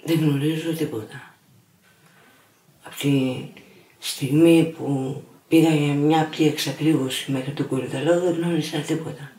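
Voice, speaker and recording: A woman's voice: deep voice, steady tone, warm tone, echoey room. A young woman giving a subdued, weary documentary testimony. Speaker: interviewee.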